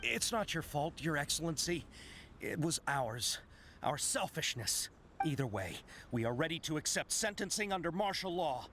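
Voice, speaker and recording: A man's voice: fairly high pitch, sing-song, normal speed, fairly bright tone, slight background noise. An actor playing an earnest, zealous young soldier in a video game, addressing his commander with deference. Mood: remorseful. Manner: impassioned, deferential military address. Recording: game music behind the voice.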